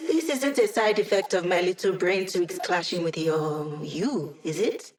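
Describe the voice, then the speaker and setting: A woman's voice: fairly low pitch, measured pace. Hack, wry upbeat hacker woman. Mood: brisk, focused. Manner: playful, teasing, casual quips. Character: upbeat, wry female hacker guiding a squad, digital ghost. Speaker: mission-support hacker. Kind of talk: video game voice lines.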